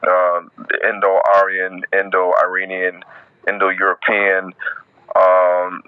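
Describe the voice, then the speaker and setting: Flat-voiced man on a tinny phone line. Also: low voice, clean tone, no room sound. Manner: rapid listing, explanatory. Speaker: author and guest speaker. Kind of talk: casual group discussion. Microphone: phone in an audio chat app.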